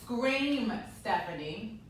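A woman coaching an acting class, animated and pushing her student hard. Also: fairly high pitch, extremely slow, a little hiss or hum. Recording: roomy distant room mic.

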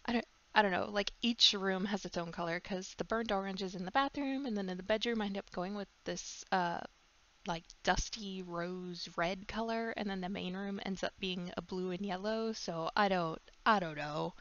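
A young woman with a stuffy nose giving relaxed, chatty voice-over commentary on her game build, full of ums and likes. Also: mid-range voice, normal speed. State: stuffed up with a cold. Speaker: gaming YouTuber. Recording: slightly dull lo-fi mic.

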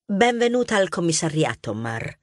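A friendly, witty police inspector mouse, played by a woman, businesslike with a teasing edge. Her voice is slightly husky with lively pitch, recorded dry and close. A storybook figure of calm authority. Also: normal speed, no room sound. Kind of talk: audiobook character acting.

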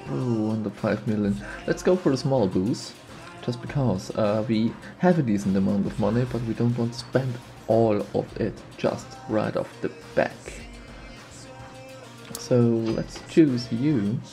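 A let's play host with a medium-pitched, gravelly, dark voice casually comments on the game he's playing. He has a slight sniffly cold and thinks aloud as he goes, musing and repeating himself.

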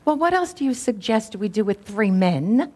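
A woman's voice: mid-range voice, big pitch swings, moderate pace, a little mellow. A woman playing a teasing, wisecracking old friend. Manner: teasing, laughing. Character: teasing, loud-laughing woman, old friend of the bride's mother. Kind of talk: amateur stage acting.

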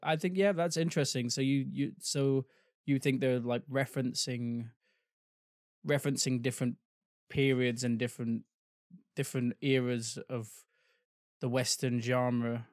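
A man's voice: medium pitch, fairly even intonation, no echo. A man with a mid-range voice co-hosts a casual podcast about a film. He stops and restarts his sentences as he works out his thoughts. The recording is dry. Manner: hesitant, halting restarts. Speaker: podcast co-host.

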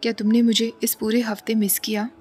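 A woman's voice: fairly high pitch, level tone, a little fast, darkish tone, husky. A woman voicing a brooding, bossy young man who keeps pressing and coaxing in a storybook reading.

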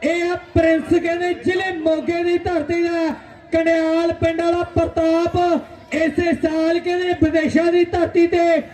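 A man gives excited live kabaddi commentary, repeating phrases and rousing the spectators. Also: very high-pitched, normal speed, rough recording. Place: outdoor village kabaddi ground.

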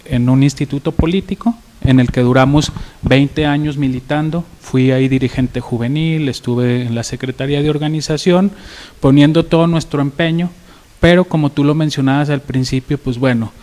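A man in his thirties from Zacatecas with a Mexican accent, answering interview questions in an earnest, measured way. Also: medium pitch, fairly even intonation, darkish tone. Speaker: interview guest, local politician. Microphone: handheld microphone.

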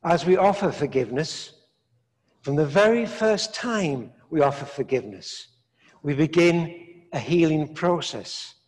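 An older man, a priest, preaching a sermon in slow, measured phrases with long pauses, recorded in a large stone church. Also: fairly high pitch, animated, husky. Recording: echoey church from a distance.

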